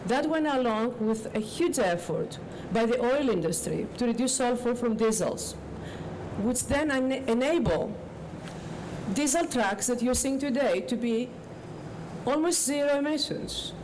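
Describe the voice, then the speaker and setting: A woman giving an informal public speech as a guest official, in deliberate, halting short phrases. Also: fairly high pitch, animated, poor audio. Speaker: government agency director, guest speaker. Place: outdoors on a public street. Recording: outdoor street with loud traffic noise. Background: clear traffic noise.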